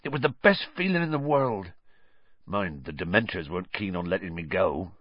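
A man's voice: deep voice, lively intonation, moderate pace, dry recording. A man voicing Hagrid, a huge male gamekeeper who sobs and talks in broken rural dialect. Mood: gloomy. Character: huge grieving male gamekeeper, tearful and gruff. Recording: dull lo-fi audio.

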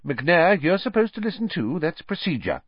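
A man's voice: fairly high pitch, sing-song, moderate pace, slightly rough, dry recording, voice pushed up. A man voicing a fussy, nervous middle-aged official who reads a formal notice in an audiobook. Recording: slightly muffled dry studio audio.

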